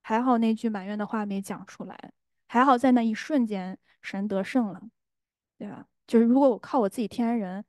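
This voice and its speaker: 一位年轻女性在教会里分享个人见证，语气真诚，夹杂不少停顿和口头语，还会模仿心里的声音。. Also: female voice, fairly high pitch, brisk, dry recording, studio quality. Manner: earnest, many fillers, acts out inner voices. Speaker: church member giving testimony. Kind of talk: church testimony.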